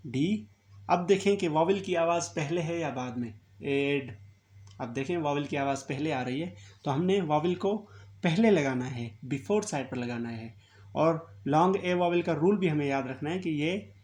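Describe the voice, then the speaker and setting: A man teaching shorthand step by step, patiently repeating each point and checking "clear?" after every word. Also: a little high, darkish tone. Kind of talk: step-by-step classroom instruction.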